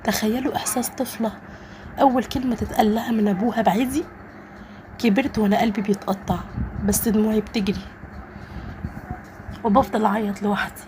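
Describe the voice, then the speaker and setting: A woman's voice: medium pitch, steady tone, fast, pauses often, darkish tone, slight background noise. A woman with an Egyptian Arabic accent, narrating a first-person story in an earnest, emotional way.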